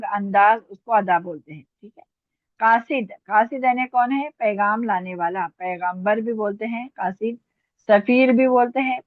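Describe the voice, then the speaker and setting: In a dry recording with a thin, phone-like sound, a woman's mid-range voice leads an Urdu vocabulary class online. She goes over the words again and again with patience, quizzing her students as she goes.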